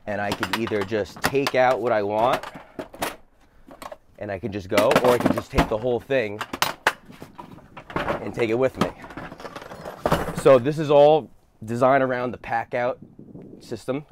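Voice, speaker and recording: A young man from New Jersey, a plumber, casually showing off his work van, relaxed and chatty with many fillers. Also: on the low side, normal speed, long pauses, noisy background. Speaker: plumber giving a van tour. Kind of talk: casual show-and-tell. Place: inside and beside a work van, outdoors.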